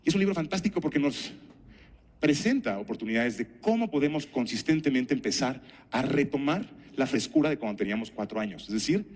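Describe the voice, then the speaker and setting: A man's voice: medium pitch, lively intonation, fairly quick. A man giving a conference talk, telling anecdotes and putting rhetorical questions to the audience. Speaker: speaker at a conference.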